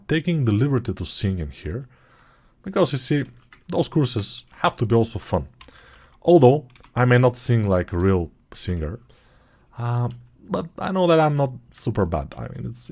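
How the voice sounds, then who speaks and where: Very animated at a normal speed, the instructor has a mid-range, a little mellow voice and a Bulgarian accent on his non-native English. He walks through his 3D modeling course in a chatty, digressive way, often correcting himself.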